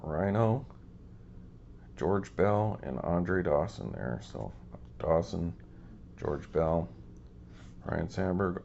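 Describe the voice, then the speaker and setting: A card collecting channel host shows off his cards in a laid-back, rambling way, dropping plenty of ums. His low-pitched voice has vocal fry and a dark tone and sounds a bit scratchy today, and the audio is dull.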